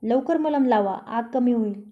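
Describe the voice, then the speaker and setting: A woman voicing a young wife who answers calmly, with quiet dry wit, in a storybook reading. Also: a little high, moderate pace, phone-quality sound, natural voice. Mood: calm teasing. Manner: calm, dryly teasing.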